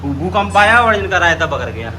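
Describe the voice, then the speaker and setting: A man's voice: sits high, sing-song, fairly quick. A man chatting casually for a family vlog, teasing kids and joking around. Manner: playful, teasing, talks to little children. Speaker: vlogger. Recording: noisy outdoor phone recording.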